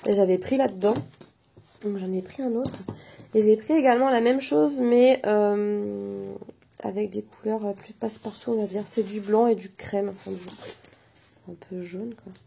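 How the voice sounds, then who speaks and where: Gravelly-voiced chatty woman vlogger. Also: medium pitch, moderate pace, warm tone, slight background noise. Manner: chatty, hesitant with many fillers. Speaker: crafting vlogger; mother. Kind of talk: casual haul video chat.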